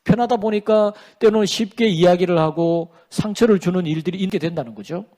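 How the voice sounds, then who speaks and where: A middle-aged man preaching a Sunday sermon as pastor, swinging between raised emphasis and quiet asides, sometimes acting out the people he quotes. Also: high-pitched, brisk. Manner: preaches with lively rises and drops, acting out quoted voices.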